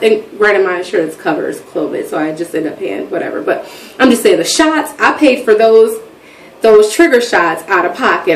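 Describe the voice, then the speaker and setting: A woman in her thirties chatting in a rambling, animated way for her video diary. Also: mid-range voice, far from the mic. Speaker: vlogger. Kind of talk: casual chat. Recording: echoey room, voice from off mic, faint background noise.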